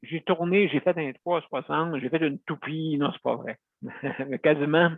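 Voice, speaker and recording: A man's voice: on the high side, steady tone, unhurried, gravelly, no room sound. A man hosting a show, telling a rambling, chatty story to his listeners and correcting himself as he goes. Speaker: host. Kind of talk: casual talk to listeners. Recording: tinny phone-like sound, dry.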